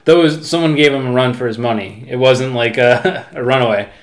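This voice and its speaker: A man's voice: mid-range voice, a little fast. A man talking casually as a podcast co-host. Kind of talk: casual chat.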